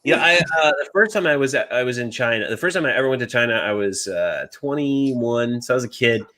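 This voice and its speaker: A man in his thirties from the United States, telling stories in casual chat and acting out quoted voices with big pitch jumps. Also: expressive, brisk, pushed and bright.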